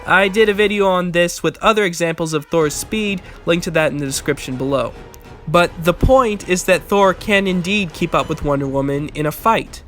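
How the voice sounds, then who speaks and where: A man with a high-set voice reads a scripted rebuttal. He sounds argumentative and matter-of-fact as he corrects claims, with some music underneath. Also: a bit bright. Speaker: video essayist and commentator.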